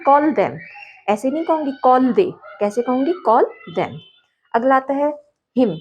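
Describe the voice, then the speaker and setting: Lady teacher explaining english in hindi, kinda husky, asks then answers her own questions, says examples slow. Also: fairly high pitch, darkish tone, lo-fi sound. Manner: asks questions and answers them herself, repeats phrases slowly. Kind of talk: Hindi-medium English grammar lesson.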